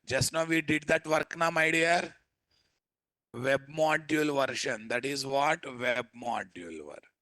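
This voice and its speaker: A man with a Telugu Indian accent teaching a live step-by-step software tutorial, informally addressing learners and often asking rhetorical questions. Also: fairly high pitch, unhurried, no room sound. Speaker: software instructor.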